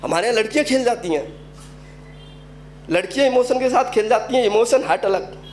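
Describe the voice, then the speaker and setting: A young man doing a stand-up comedy set, telling stories with a UP Hindi accent and acting out characters in quick asides. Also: very high voice, animated, darkish tone, slight background noise. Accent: Uttar Pradesh Hindi. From Uttar Pradesh, India.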